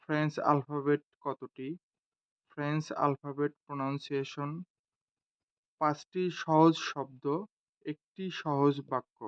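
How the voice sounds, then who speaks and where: A man teaching a beginner lesson slowly and deliberately, spelling out letters one by one. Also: on the high side, flat delivery, smooth, dull audio. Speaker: French teacher. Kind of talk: slow, measured language lesson.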